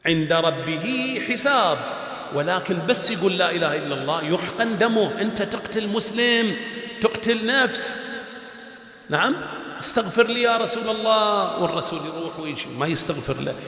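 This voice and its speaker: High, bright preacher in echoey hall. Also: male voice, normal speed. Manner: animated, rising to near-shouts, rhetorical questions. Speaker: shaykh preaching. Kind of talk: Husseiniya sermon storytelling. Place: large prayer hall. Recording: echoey hall with long reverb.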